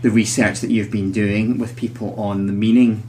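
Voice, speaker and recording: A man's voice: on the low side, level tone, normal speed, dark tone, slight background noise. A man hosting a psychology podcast in conversational style, chatty, with wry asides, in a recording room with guests.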